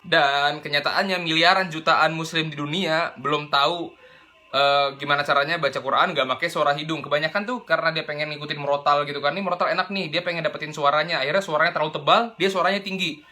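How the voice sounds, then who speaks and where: A man's voice: fairly high pitch, steady tone, fast talker, pushed and bright. A young man, teaching Quran recitation in a casual, slangy explainer style. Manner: chatty, slangy, demonstrates recitation and silly voices.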